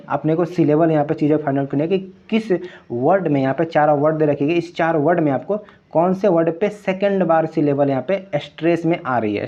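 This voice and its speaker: A man's voice: fairly high pitch, lo-fi sound. A young man teaching as an exam tutor, going through quiz answers one by one and mixing English terms into his Hindi. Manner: explanatory, repeats phrases, mixes English terms into Hindi.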